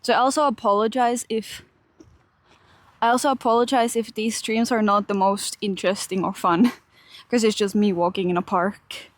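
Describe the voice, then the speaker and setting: A woman's voice: mid-range voice, steady tone, normal speed, no room sound. A young woman from Finland, chatting casually to her live-stream viewers while walking outdoors. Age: young adult. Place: outdoors in a park and transit stations.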